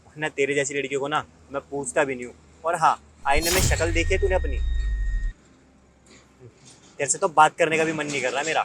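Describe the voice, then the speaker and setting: A man's voice: a little high, fairly quick, pauses often, noisy background, close to an everyday voice. A young man playing an arrogant, boastful rich man who insults his ex-girlfriend in a web skit. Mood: taunting. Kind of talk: Hindi web skit acting.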